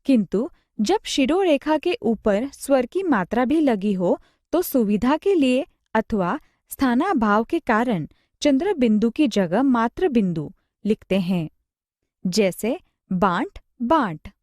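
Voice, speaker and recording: A woman delivers a scripted grammar lesson at an unhurried pace, pausing on each example. Her fairly high voice rises and falls a lot. The recording is dry and close, with no room sound. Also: big pitch swings, a little mellow, dry recording. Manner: slow, measured, reads examples one by one. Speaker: teacher.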